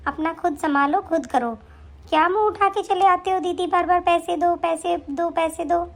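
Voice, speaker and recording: A woman voicing a young wife who scolds and taunts her relatives over money, in an animated story. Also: very high voice, normal speed. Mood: scornful. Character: young wife Sapna, harsh, stingy and scornful.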